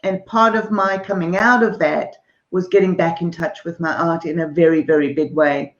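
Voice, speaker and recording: Speaking at normal speed in a voice on the low side, this interview guest, an artist and author from Zimbabwe and South Africa, has a South African accent. She responds in a relaxed, thoughtful manner with frequent hesitations. The casual video call is lo-fi and dull, with the echo of a roomy space.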